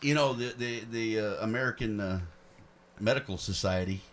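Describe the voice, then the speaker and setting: A man's voice: lowish voice, moderate pace, slight background noise. Chuckling male radio co-host. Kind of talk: casual radio banter.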